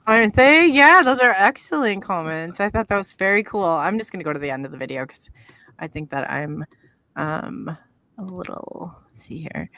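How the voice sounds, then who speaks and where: A middle-aged woman with an Iowan accent hosts a casual live-stream chat as a podcast host, heard over a video call. Her lowish voice is expressive and sharp at a moderate pace, and she rambles chattily, trailing off as she works the screen.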